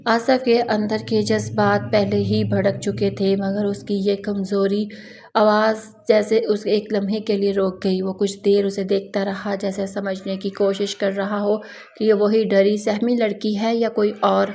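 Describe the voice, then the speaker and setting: Brief: woman storyteller, scripted narration, monotone, mid pitch. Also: vocal fry.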